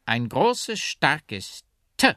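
A man voicing a slim, shy talking trumpet in a children's radio story, speaking softly and breathily. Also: medium pitch, sing-song, extremely slow, no echo, clean studio sound, pitched above the performer's own voice, heavily acted. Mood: polite, earnest. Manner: soft, breathy.

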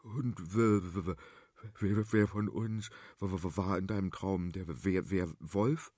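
A man's voice: sits low, measured pace, darkish tone, no echo, studio quality. A man voicing a timid, frightened young prince who stammers.

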